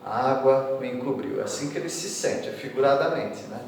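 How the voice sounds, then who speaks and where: A man's voice: mid-range voice, brisk, vocal fry, a little mellow, a little hiss or hum. A man, a pastor with a Brazilian Portuguese accent, preaching an expository sermon in a conversational way, often tossing little questions to the congregation and lifting his voice to read scripture aloud. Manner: reads scripture verses aloud with rising emphasis. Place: church hall. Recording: echoey church hall from far off.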